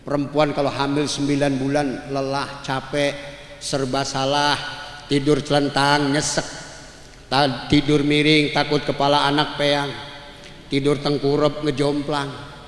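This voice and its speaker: A man's voice: a little high, completely flat delivery, measured pace, a little hiss or hum. A man preaching a humorous Maulid sermon, joking and calling out to the audience for replies. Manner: chants the call to prayer to illustrate. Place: large hall at a religious gathering. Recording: echoey hall with long reverb.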